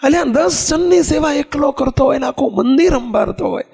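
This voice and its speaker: High gravelly Gujarati preacher, man. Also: brisk. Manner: animated storytelling, rhetorical questions to listeners. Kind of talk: sermon.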